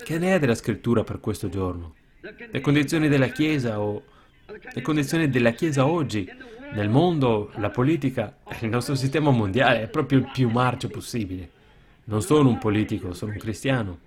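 A man preaching a sermon with passion, swinging from loud shouted peaks down to quiet, low asides. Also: lively intonation, brisk. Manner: impassioned, rises to shouts then drops low.

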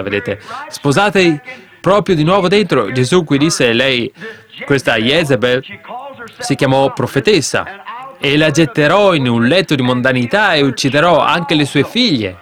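A man preaching a sermon, emphatic, with many rhetorical questions to the congregation, swinging between raised bursts and low asides. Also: lively intonation, normal speed, fairly bright tone.

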